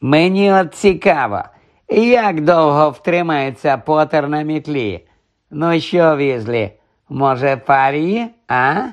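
A man's voice: a little high, expressive, slow. A man voicing a sneering, spoiled teenage schoolboy bully in an audiobook, with mocking, drawling taunts. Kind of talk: audiobook character voice.

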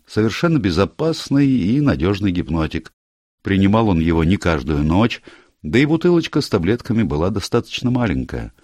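A measured, dry-spoken middle-aged doctor, voiced by a man reading an audiobook. He sounds steady and careful, and his pitch moves lively while sitting a little above the reader's own low register. The recording is close and dry. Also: dry recording. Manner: measured, dry, mildly surprised.

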